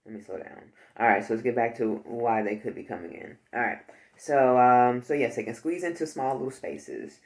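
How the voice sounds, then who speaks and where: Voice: medium pitch, animated, moderate pace, darkish tone. A vlogger talking casually to the viewer, rambling and joking, with frequent asides. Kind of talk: casual chat.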